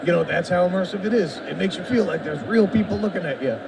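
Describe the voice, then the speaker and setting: A man's voice: high-pitched, fast talker, gravelly. A man playfully commentating on someone playing his game, joking like a wrestling announcer. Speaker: game developer commentating a live demo. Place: busy expo show floor. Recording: noisy expo floor, mic far off.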